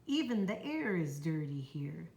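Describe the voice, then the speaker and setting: A woman voicing a small runaway farm pig who loves mud, in a slightly lower, plain storybook voice. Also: big pitch swings, measured pace, creaky, a little mellow, exaggerated voice. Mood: musing. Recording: roomy echo, faint noise.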